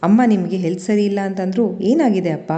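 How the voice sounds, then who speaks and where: A woman plays a hot-tempered young man, sharp and quick to anger, in a mellow storybook voice. The reading has a long reverb. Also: medium pitch, muffled recording, close to an everyday voice. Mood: heated. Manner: sharp and angry.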